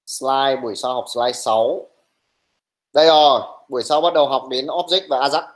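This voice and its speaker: A young male teacher running an online class, brisk and teasing, who scolds his students bluntly while taking attendance. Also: mid-range voice, poor audio.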